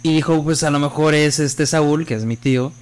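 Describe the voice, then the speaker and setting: Speaking at a moderate pace in a fairly high, clean-toned voice, a young Mexican podcast co-host with a Mexican accent tells a ghost story during casual chat. He's an animated storyteller who acts out the characters' voices and quotes.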